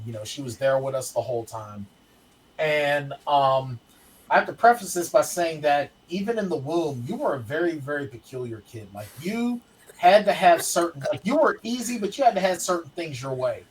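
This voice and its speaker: A middle-aged man telling family stories in a casual, animated way, acting out the quotes. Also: a little high, a little hiss or hum, rough recording. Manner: animated storyteller, acts out quotes. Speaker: guest, the host's father.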